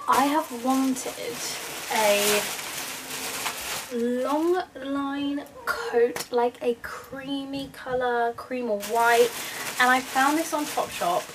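Young woman vlogger from England, higher-pitched, gushing and chatty at home, faint hiss behind. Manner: gushing, chatty, quick to laugh. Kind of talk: casual vlog chat.

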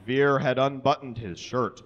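Standing at a handheld or stand mic on a small stage, a man in his thirties reads fan fiction to the crowd with dramatic flair as part of a live comedy show. His mid-range voice is a bit bright and measured in pace, though the audio is dull.

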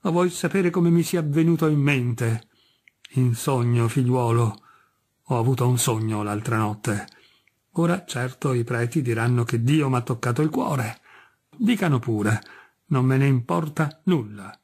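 A gruff old landowner, voiced by a male reader, who barks short, scornful questions and brushes off every objection. His voice is husky and rough, and his manner is mocking and impatient. It is a storybook figure from a read-aloud tale. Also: mid-range voice, unhurried, darkish tone. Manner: brusque and scornful, barking questions.

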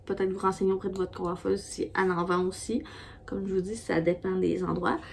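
A Québécois woman talks through her favourite hair and skin products in a loose, rambling vlog chat. Her pitch sits in an ordinary middle range, and she keeps stopping to restart her sentences. A faint hiss of noise runs underneath. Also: level tone, a little fast, vocal fry. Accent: Québécois French. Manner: chatty, rambling with many fillers and restarts. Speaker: beauty vlogger. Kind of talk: casual product review.

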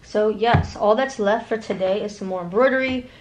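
A woman's voice: medium pitch, normal speed. A woman in her thirties chatting casually in a vlog as a small shop owner, upbeat and showing items as she talks. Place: home craft room.

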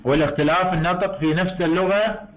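A man with an Iraqi Arabic accent teaching university English in an online lecture, explaining slowly with many repeats and self-corrections. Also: sits high. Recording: tinny online-call audio.

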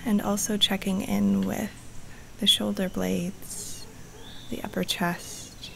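A woman guiding a relaxation meditation in a soft, breathy, partly whispery voice, calm and soothing, with long pauses. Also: medium pitch, slight background noise. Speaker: yoga nidra teacher guiding a meditation. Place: outdoors or open space in the jungle. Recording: live outdoor recording with jungle wildlife sounds. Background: faint jungle birds and insects.

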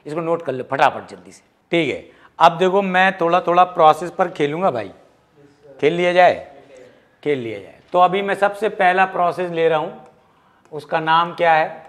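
Guy teaching physics, fairly high voice, jokey, throws in english words. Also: normal speed. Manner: lively, jokey, mixes English terms into Hindi. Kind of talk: classroom lecture.

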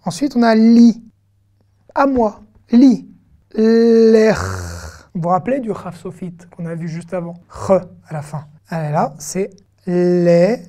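A woman's voice: fairly low pitch, dark tone. A woman teaching an online language lesson, patiently sounding out syllables and checking in with her students. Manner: patient, repeats sounds slowly, checks in with listeners. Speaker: Hebrew teacher.

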